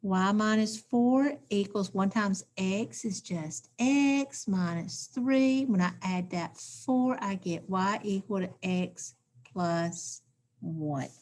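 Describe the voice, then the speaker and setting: A woman's voice: medium pitch, slow pace, a little mellow. A woman teacher, walking through math steps aloud in a recorded lesson and checking in with "okay?".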